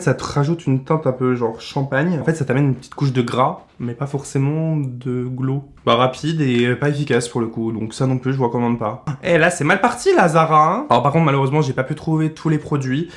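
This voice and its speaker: A man's voice: medium pitch, steady tone, fast, few pauses, a little mellow. A man in his twenties with a French accent, chatting casually in a beauty vlog and giving blunt product verdicts. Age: 20s. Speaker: beauty vlogger.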